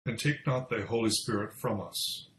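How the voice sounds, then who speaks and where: Echoey, low-voiced man reading scripture. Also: steady tone, fairly bright tone. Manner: formal, deliberate recitation. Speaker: lesson reader giving responses. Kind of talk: scripture reading and liturgical responses. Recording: echoey room with rumbling background noise.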